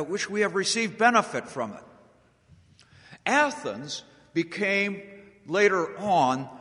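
An American man gives a historical talk to an audience, telling history as a public storyteller in a deliberate, dramatic way with emphatic pauses. His voice sits high and is fairly bright. The hall is echoey, with long reverb.

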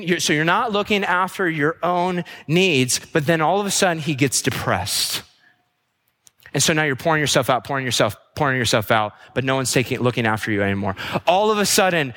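Emphatic male preacher, higher-pitched voice. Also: pushed and bright. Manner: emphatic, repetitive, with rhetorical questions; drops pitch and trails off at the ends of lists. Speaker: pastor. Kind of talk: sermon.

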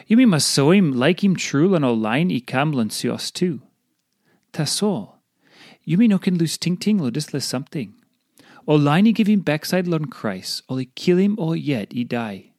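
A man with a Papua New Guinean accent reads a devotional message. He preaches in measured phrases, repeating key words for weight. The sound is dry, with very little room around the voice. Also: a little high, no room sound. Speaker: devotional reader. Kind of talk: scripted devotional talk in Tok Pisin.

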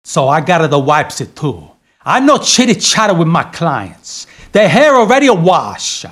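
A man's voice: fairly high pitch, very animated, unhurried, fairly bright tone, full character voice. A man voicing a dramatic middle-aged Italian barber who pleads in broken English, with an Italian accent, in a comedic audio drama. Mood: indignant. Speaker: actor.

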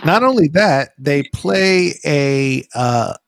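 A man's voice: on the high side, expressive, slow pace, creaky. A man co-hosting a casual podcast, easygoing, with short agreeing replies and dry jokes. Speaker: podcast co-host. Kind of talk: casual chat.

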